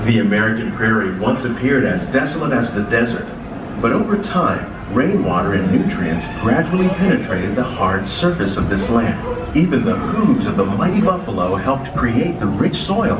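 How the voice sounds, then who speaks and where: A man giving formal safety announcements and scripted narration, played over a ride loudspeaker. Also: mid-range voice, big pitch swings, moderate pace, music in the background. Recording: echoey, distant, noisy loudspeaker playback.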